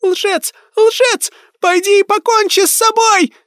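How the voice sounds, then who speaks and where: A man's voice: very high-pitched, a little slow, a bit bright, dry recording, studio quality, pitched above the performer's own voice. A man voicing the cruel, vengeful ghost of a young girl who shrieks and taunts. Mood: shrieking.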